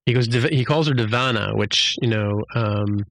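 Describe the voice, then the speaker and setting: A man's voice: mid-range voice, moderate pace, a bit bright, dry recording, rough recording. A man casually recapping a TV episode, rambling with fillers and restarts and acting out the characters' lines. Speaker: podcast host.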